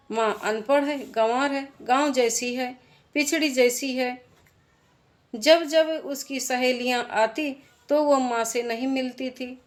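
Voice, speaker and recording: Woman storyteller, high voice, slow and heartfelt, emotional family tale.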